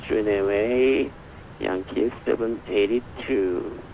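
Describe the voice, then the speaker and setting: Male controller, Korean accent, lowish voice, clipped-bandwidth radio calls with faint noise. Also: drawn-out words. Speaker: air traffic controller on flight simulation network. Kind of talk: radio air traffic phraseology. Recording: narrow tinny radio line with background noise.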